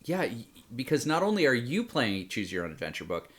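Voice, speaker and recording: A man co-hosting a podcast, chatting casually and telling animated anecdotes. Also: mid-range voice, brisk. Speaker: podcast co-host. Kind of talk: casual chat.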